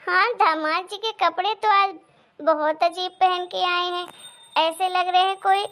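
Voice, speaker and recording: A woman voicing a calm, motherly mother-in-law in a cartoon story. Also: very high voice, measured pace, heavily acted. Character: middle-aged mother-in-law, calm peacemaker.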